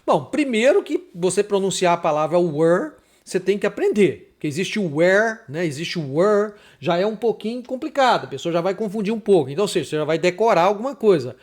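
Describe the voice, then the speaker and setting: A man from Brazil giving a casual video lesson on English pronunciation, chatty and repeating example words slowly with emphasis. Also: high-pitched, lively intonation. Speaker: English teacher.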